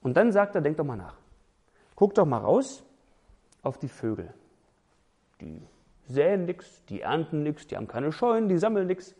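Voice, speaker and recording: A man preaching a sermon in a dark, gravelly voice. He speaks with emphasis and strings words into lists. He drives his points home with rhetorical questions. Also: a little high, very animated, moderate pace, pauses often.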